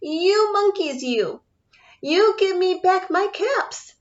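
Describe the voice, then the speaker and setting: A woman doing an angry peddler man, scolding and shouting in a raised, high voice, words stretched slow. The sound is dull and lo-fi. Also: lively intonation. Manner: stern, shouting, drawn-out. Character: angry man peddler shaking his fist.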